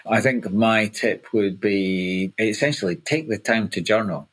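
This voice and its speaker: A Scottish man in his fifties, a coach co-hosting a podcast, explaining ideas in a casual, halting way with repeated words. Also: fairly low pitch, a bit bright, low-quality recording. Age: 50s. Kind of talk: casual conversational podcast chat.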